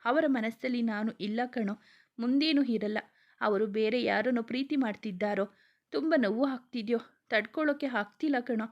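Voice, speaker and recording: A woman voicing a gentle, heartbroken young man in love, reading his lines softly and tearfully in a storybook reading. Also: a little high, brisk, highs cut off, natural voice. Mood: crying. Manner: soft, pleading, tearful lines.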